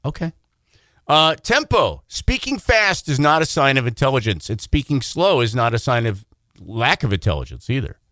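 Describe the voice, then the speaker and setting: A man co-hosting a radio morning show, chatting casually in a quick, joking, self-deprecating way. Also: mid-range voice, very animated, a bit bright, no echo, clean studio sound.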